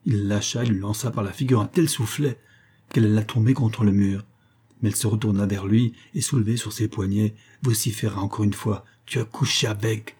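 A male narrator reads a classic novel with measured, expressive storytelling. His voice is low and mellow. It has a husky, slightly breathy texture. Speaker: audiobook narrator. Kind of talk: literary audiobook narration.

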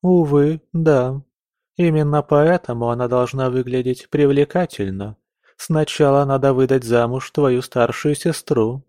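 A man's voice: medium pitch, unhurried, mellow, dry recording, clean studio sound, natural voice. A man voicing a noble mother who soothes her daughters but lays down the law firmly. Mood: soothing. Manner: soothing yet firm and commanding. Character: stern, fussy noble mother of two daughters.

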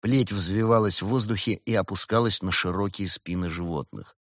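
A man narrating an audiobook in an expressive storytelling manner. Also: sits low, normal speed, dry recording, studio quality. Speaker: audiobook reader.

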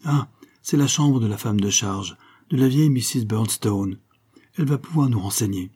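A man doing a brisk confident detective. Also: lowish voice, warm tone, breathy edge. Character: sharp, confident male detective. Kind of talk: audiobook character voice.

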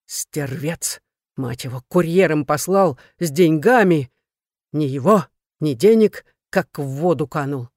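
A reader voicing a gruff, blunt, tired middle-aged father who speaks curtly. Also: fairly high pitch, lively intonation, unhurried, darkish tone, dry recording, clean studio sound. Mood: grim. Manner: curt, growling.

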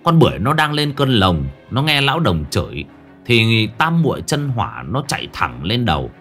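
A man's voice: medium pitch, wildly swooping pitch, moderate pace, a bit bright, soft background music. A man narrating a comic folk tale in an earthy, colloquial way. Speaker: storyteller.

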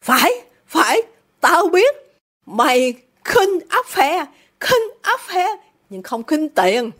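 A woman's voice: fairly high pitch, very animated, normal speed. A woman voicing a raging bully of a father. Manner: shouting, bullying, contemptuous. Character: furious greedy middle-aged businessman father.

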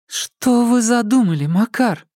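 A man's voice: very high-pitched, expressive, measured pace, dark tone, no room sound, studio quality, soft background music, voice pushed up, exaggerated voice. A man voicing an anxious, impulsive young woman who keeps pleading and asking questions in an audiobook.

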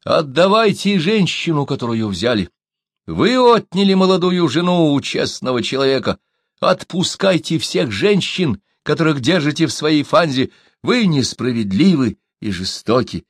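A man's voice: a little high, big pitch swings, normal speed, breathy edge, dry recording, studio quality, pitched above the performer's own voice, full character voice. A man voicing a proud, stern Chinese man who speaks in a firm, commanding way.

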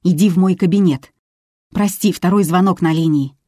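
A woman reads a curt male police chief giving short orders on the phone in an audiobook. The tone is low and warm, in a dry, close recording. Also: moderate pace, no room sound, lightly acted.

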